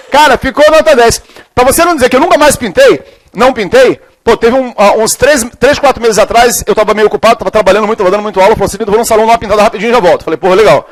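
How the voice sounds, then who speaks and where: A middle-aged man from Brazil teaching a chemistry class, telling jokey stories and then quizzing the students. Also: very high voice. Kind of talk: classroom lecture with jokes.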